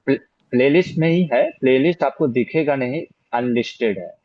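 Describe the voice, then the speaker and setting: A man's voice: mid-range voice, moderate pace, no echo. A man leads a scripture class and answers students one by one, patient and explanatory. He keeps checking that they follow. His voice is dry and close, with dull audio that has little top end. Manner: patient, explanatory, repeats key points with rhetorical "है ना?". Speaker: spiritual teacher leading a scripture class. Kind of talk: Q&A after a scripture lecture.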